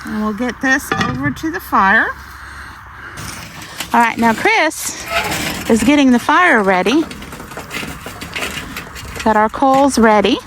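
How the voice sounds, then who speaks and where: Out in the snow and cold, this outdoor cooking host speaks with an Arkansas Southern accent, folksy and casual as she shows how it's done. The middle-aged woman's voice runs on the high side with lively intonation, and she goes slowly, pausing often. Her camera's outdoor audio is noisy.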